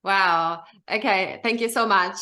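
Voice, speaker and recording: A woman's voice: medium pitch, measured pace, sharp tone. A woman hosting a podcast interview, effusive and full of praise for her guest. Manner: effusive, enthusiastic. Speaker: podcast host.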